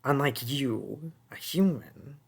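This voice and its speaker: The small, sneaky goblin thief in this fantasy audio roleplay sounds sly and mocking, taunting and haggling with drawn-out wheedling. The performer uses a full, expressive character voice at medium pitch, husky and breathy, that often falls to a whisper.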